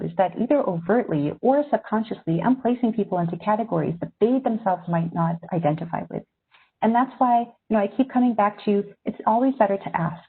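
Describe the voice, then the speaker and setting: A woman's mid-range voice has a breathy edge, coming through tinny video-call audio. Having grown up in Syria, she now works as a magazine editor and gives a thoughtful, reflective webinar talk to journalism students.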